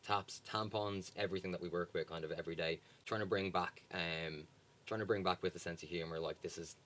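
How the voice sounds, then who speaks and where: A man's voice: low voice, steady tone, fairly quick, a bit bright. A young man with a Dublin accent, a charity guest talking casually in an interview with many ums and restarts. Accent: Irish, Dublin. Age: young adult.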